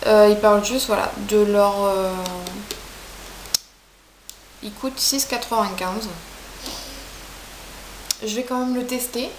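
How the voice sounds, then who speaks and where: A woman's voice: mid-range voice, fairly even intonation, unhurried. A woman in her twenties reviewing beauty products in a casual, chatty way, hesitating often with fillers. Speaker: beauty vlogger. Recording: echoey room, faint hiss.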